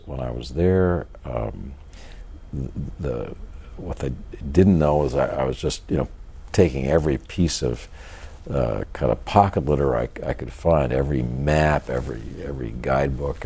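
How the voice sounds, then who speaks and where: An older man speaking as an author in an interview, in a measured, halting, thoughtful and monotone way. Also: very deep voice, slight background noise. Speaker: author and journalist being interviewed. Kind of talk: reflective interview talk.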